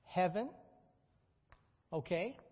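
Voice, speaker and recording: A man's voice: high-pitched, drawn-out words, husky. A man leading a group Bible study, talking with his class and asking them questions. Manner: lively, conversational, questions the class. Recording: dull audio with long room reverb.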